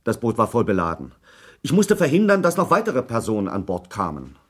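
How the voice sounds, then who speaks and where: An actor portrays a defensive British ship's officer at an inquiry in a German radio documentary drama, giving firm, formal, clipped answers with some hesitation. The male voice is mid-range and breathy-edged, swinging hugely in pitch at a slightly fast pace. He sounds guarded.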